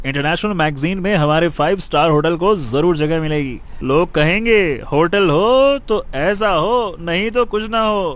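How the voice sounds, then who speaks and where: A man's voice: fairly high pitch, a little slow, few pauses, lightly acted. A man playing an easygoing, joking young friend in a Hindi audio drama, with a playful way of talking. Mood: jovial. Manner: playful, laughs while talking.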